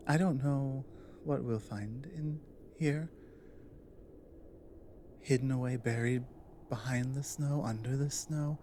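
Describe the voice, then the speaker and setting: In an intimate ASMR audio drama, a woman portrays a loyal but guarded orc warrior, speaking slowly and deliberately in halting, plain, earnest phrases. Her voice is a mellow bass, and a light wash of ambient noise lies beneath it. The mood is earnest and tender.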